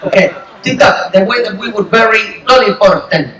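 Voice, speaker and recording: A man telling a long joke on a theatre stage, acting out his parents with big leaps in his voice. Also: moderate pace. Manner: animated storytelling, acting out quoted parents with big pitch jumps. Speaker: comedy game show panelist. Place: large theatre on a cruise ship. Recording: echoey theatre, heard from a distance, loud audience noise. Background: audience laughter.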